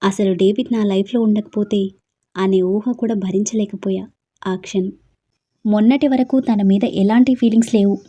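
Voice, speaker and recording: A woman narrating a first-person romantic story in a soft, subdued way. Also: medium pitch, steady tone, moderate pace.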